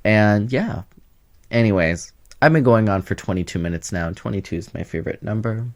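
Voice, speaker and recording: A man's voice: lowish voice, expressive, brisk. A young man vlogging in a casual, rambling way, chatty and sassy as he jumps from topic to topic. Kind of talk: casual rambling vlog chat.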